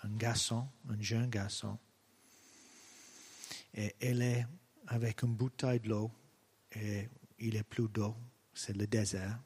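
Slow, husky-voiced male preacher. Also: fairly low pitch, little pitch movement, darkish tone. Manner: slow and halting, searching for words. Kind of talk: sermon.

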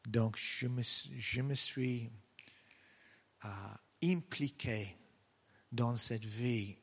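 Slow, husky-voiced male preacher. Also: mid-range voice. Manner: slow and halting, searching for words. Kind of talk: sermon.

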